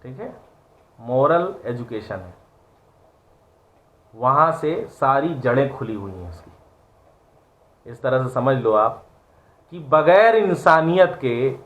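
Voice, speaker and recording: A man's voice: medium pitch, fairly bright tone. A man teaching an online class, giving an earnest, preachy moral lecture full of rhetorical questions.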